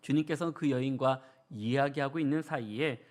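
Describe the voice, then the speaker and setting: A man preaching a sermon in a church, earnest and full of rhetorical questions, moving between soft passages and raised, emphatic ones. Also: medium pitch, normal speed. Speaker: pastor. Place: church sanctuary.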